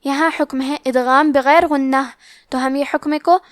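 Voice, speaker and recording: High-voiced woman teaching recitation, measured. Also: steady tone, no echo, clean studio sound. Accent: Pakistani Urdu. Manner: measured, explanatory, draws out recited words slowly. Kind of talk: tajweed lesson with slow recitation.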